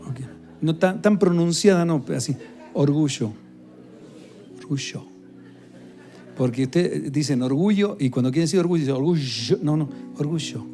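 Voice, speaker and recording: A man's voice: a little high, quick pace, dark tone, faint music behind. Chatty male pastor preaching. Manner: conversational, asks the congregation to repeat words. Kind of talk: sermon.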